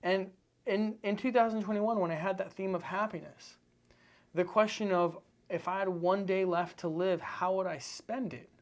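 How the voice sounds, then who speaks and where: A man's voice: high voice, fairly even intonation, moderate pace. A man from Seattle, a podcast guest, talking earnestly in a casual interview with repetitive, emphatic phrasing. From Seattle, United States.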